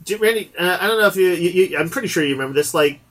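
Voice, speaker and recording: A man co-hosting a casual podcast, telling stories in a relaxed way and laughing easily. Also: sits high, racing. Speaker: comic shop manager and podcast co-host.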